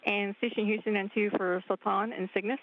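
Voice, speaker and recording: A woman's voice: medium pitch, fairly even intonation, brisk. A woman working as a mission control communicator, making procedural calls over a radio link. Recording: tinny narrow-band radio link.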